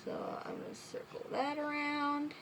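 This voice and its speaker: A woman's voice: high-pitched, completely flat delivery, normal speed, noisy background. A drunk woman giving a casual, chatty makeup tutorial, fumbling and tripping over her words as she goes.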